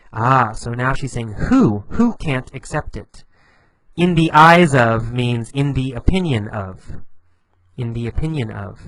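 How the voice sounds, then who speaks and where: Patient man explaining words slowly. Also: mid-range voice, no room sound, rough recording. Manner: slow, patient, repetitive explanations with lively emphasis. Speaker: English teacher. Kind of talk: explaining vocabulary.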